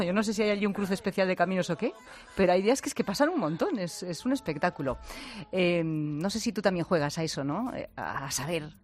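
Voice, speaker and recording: A woman's voice: mid-range voice, a little mellow. Chatty woman radio host, musing aloud. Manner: chatty, musing, addresses the listener directly. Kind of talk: radio interview with a reflective spoken intro.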